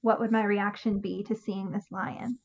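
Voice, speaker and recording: A woman's voice: medium pitch, steady tone, moderate pace. A woman co-hosting a podcast, curious and reflective in casual discussion. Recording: dull lo-fi audio.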